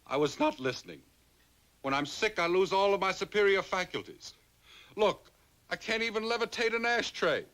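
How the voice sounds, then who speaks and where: An actor playing a fussy Martian uncle who is sick with a cold, complaining theatrically in a 1960s sitcom. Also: male voice, high-pitched, lively intonation, moderate pace, fairly bright tone, a little hiss or hum. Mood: whiny sick. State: sniffly with a cold, sneezing.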